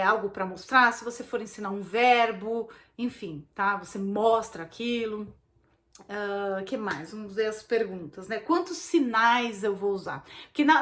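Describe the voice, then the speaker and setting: A woman's voice: on the high side, pushed and bright. A woman with a Brazilian Portuguese accent gives a casual recorded online lesson as a course instructor. She explains things in a chatty way and often checks in with short tag questions. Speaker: baby sign language course instructor.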